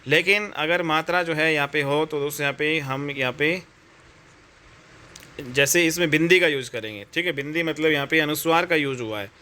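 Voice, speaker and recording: A man with an Indian accent talks through a Hindi grammar lesson for exam students. His voice is bright and a little raised in pitch, and he keeps up a friendly, repetitive patter, calling the viewers friends and brother. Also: normal speed, clear, resonant tone. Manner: chatty, repeats fillers, addresses viewers as friends and brother. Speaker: Hindi teacher.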